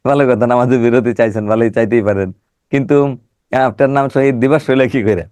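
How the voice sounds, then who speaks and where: Joking teacher with a cold. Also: male voice, mid-range voice, steady tone, brisk, darkish tone, clean tone, no room sound. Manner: joking, scolding students by name. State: has a cold. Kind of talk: online class lecture with teasing banter.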